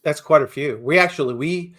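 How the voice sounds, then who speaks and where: Fairly high and a bit bright, this man's voice moves a little fast as he co-hosts a real estate podcast. He chats casually and loosely, repeating himself and saying "you know" a lot as he works through ideas.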